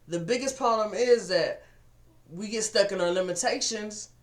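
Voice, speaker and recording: A man's voice: high-pitched, moderate pace. Storytelling man on a webcam. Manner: storytelling, acts out quoted voices, repeats words. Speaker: vlogger. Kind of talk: casual motivational talk to webcam. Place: at home at a computer.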